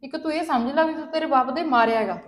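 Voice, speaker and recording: A worried middle-aged mother, played by a woman in a drama. Her voice sits a little high, and she sounds firm as she gently scolds. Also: fast, close to an everyday voice. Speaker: mother of a grown son. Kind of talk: Punjabi web drama acting.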